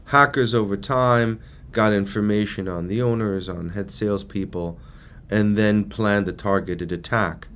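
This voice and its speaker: A man's voice: on the low side, steady tone, measured pace, fairly bright tone, slight background noise. A man leading a training session, talking to a group in a casual, rambling, conversational way. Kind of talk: casual informal presentation to a group.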